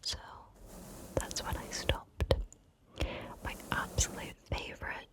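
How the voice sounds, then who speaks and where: Slow, whispering woman in close-mic ASMR. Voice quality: breathy, unvoiced whisper. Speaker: ASMR host. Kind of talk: whispered ASMR chat about games. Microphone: close microphone, ear to ear.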